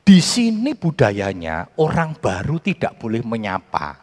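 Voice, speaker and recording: A man with a Javanese accent preaching a sermon as pastor, telling animated stories and acting out what people said. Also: medium pitch, a little slow. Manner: animated storytelling, acting out quotes. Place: church. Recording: church hall reverb.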